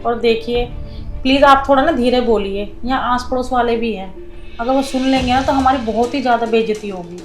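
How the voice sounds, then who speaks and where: A woman's voice: a little high, a little fast, reverberant, soft background music, lightly acted. An actress playing a young tenant who pleads and argues with her landlord over late rent. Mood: pleading. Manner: pleading, defensive, explanatory. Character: struggling young female tenant, pleading but firm. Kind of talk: low-budget comedy film acting.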